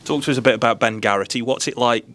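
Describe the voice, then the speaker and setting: A man's voice: medium pitch, rapid-fire, a bit bright. A man interviewing a player after a match, asking long, leading questions. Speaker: club media interviewer.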